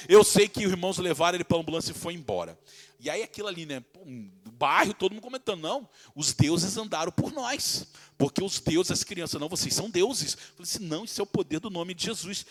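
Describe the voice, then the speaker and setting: A male pastor preaching, his voice sitting a bit high for a man. He tells his story dramatically, jumping between loud bursts and low, drawn-out whispers. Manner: dramatic storytelling, swings from shouting to hushed. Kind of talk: sermon testimony.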